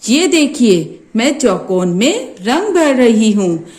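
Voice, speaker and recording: A woman teacher with an Urdu-medium Maharashtra accent, slowly walking young children through a first-grade maths exercise, asking questions and answering them herself. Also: fairly high pitch, sing-song, a little mellow. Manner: slow, sing-song questions answered by herself. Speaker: primary school teacher.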